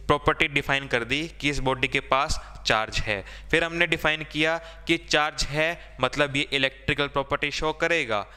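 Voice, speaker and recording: Male science teacher, bright crisp voice, long reverb, voices students' questions and answers them. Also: medium pitch. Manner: conversational, repeats "theek hai" to check in. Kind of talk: board-exam science lesson.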